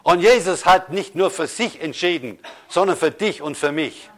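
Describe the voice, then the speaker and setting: Emphatic preaching pastor, slightly high voice. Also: male voice, animated, fairly bright tone. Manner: preaching with emphatic slow stresses and rhetorical questions. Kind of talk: sermon.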